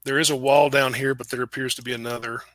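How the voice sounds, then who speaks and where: A man narrating a tabletop game as game master, relaxed and explanatory with frequent fillers. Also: medium pitch, quick pace, dry recording.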